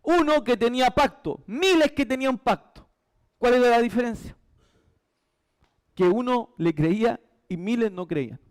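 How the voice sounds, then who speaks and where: A man's voice: very high voice, expressive, moderate pace. A male pastor preaching a sermon in a church, emphatic and repetitive.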